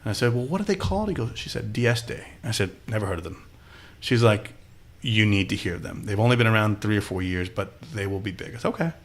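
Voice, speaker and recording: With a lowish, creaky voice and a fairly quick delivery, this Austin, Texas man tells stories as a guest on a casual podcast interview. He animatedly performs the voices of the people he quotes.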